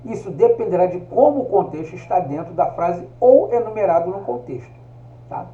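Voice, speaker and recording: A man's voice: high-pitched, animated, moderate pace. A man giving a recorded video lesson, explaining step by step and often checking in with his listeners. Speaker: teacher. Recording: echoey room, dull lo-fi sound.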